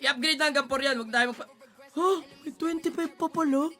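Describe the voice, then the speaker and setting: A man giving casual gaming commentary, excitable, pleading and shouting at the game as he plays. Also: very high voice, fairly quick, soft background music. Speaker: gaming streamer.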